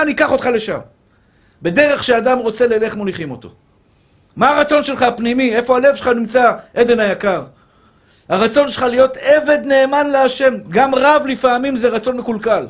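Brief: man preaching a fervent sermon, voice pitched very high, calls his listeners brother. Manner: impassioned, addresses listeners as brother and pure soul.

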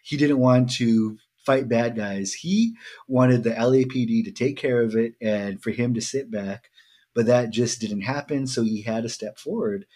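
A man's voice: mid-range voice, normal speed, warm tone. A man speaking as a podcast guest, explaining his ideas thoughtfully, with frequent ums and easy laughs. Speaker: guest, sport psychologist. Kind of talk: casual chat, explaining.

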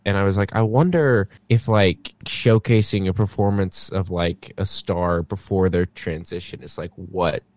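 A man's voice: sits low, fairly even intonation, measured pace, few pauses, darkish tone. A man co-hosting a podcast about films, talking in a playful, loose and opinionated way. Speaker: podcast co-host. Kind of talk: casual podcast chat.

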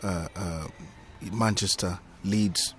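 In a podcast interview, a Nigerian comedian whose native language is Yoruba recounts stories animatedly and emphatically. He has a deep voice and takes his time, with a little hiss or hum in the recording.

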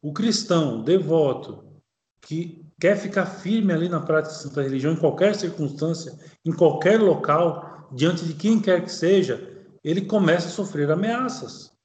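A man with a fairly high, animated, darkish voice preaches in an echoey room. His sermon switches between slow, solemn reading of a text and quick, conversational commentary on it.

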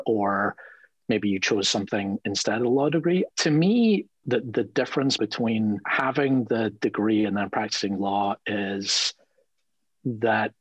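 A man speaking as a lawyer guest in a conversational interview, earnest and animated, often repeating words as he thinks aloud. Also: on the low side, husky, no echo, lo-fi sound.

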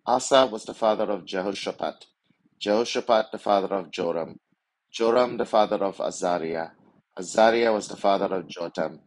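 Low-voiced priest reading solemnly. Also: male voice, poor audio. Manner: measured, formal, solemn delivery. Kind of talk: liturgical Gospel reading and homily.

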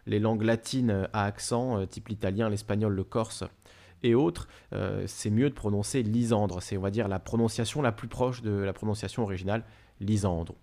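A man hosting a live stream, chatting casually and reading out viewer messages, speaking haltingly with many fillers and restarts. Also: fairly low pitch, fairly even intonation, dark tone. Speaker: livestream host.

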